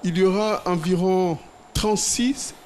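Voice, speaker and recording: Hesitant man, slightly high voice. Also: darkish tone, slight background noise. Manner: measured, with many hesitations. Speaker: guest, English teacher trainer. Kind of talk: studio interview. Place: TV studio.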